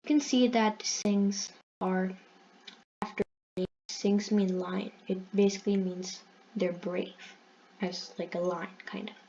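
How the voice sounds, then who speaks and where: A woman's voice: mid-range voice, fairly even intonation, takes it slowly, mellow, a little hiss or hum. Woman, channel host, religious story retelling, earnest, explanatory, self-correcting, muffled lo-fi sound.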